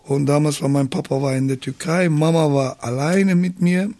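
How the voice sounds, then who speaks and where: A man as an interview guest, retelling his story in a lively, casual way with frequent tag questions. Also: on the high side, normal speed, no room sound.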